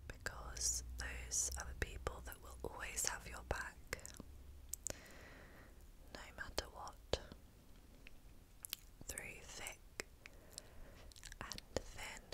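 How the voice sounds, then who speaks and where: A woman giving an ASMR pep talk of affirmations in a breathy whisper close to the microphone, soothing and encouraging, with pauses.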